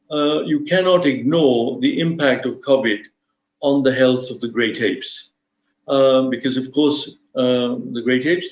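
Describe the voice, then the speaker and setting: Casting: man born in Uganda, conservation speaker, measured formal delivery with ums, echoey room. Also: medium pitch. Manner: measured, formal, with frequent fillers. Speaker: safari lodge founder giving a talk. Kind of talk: live-streamed presentation.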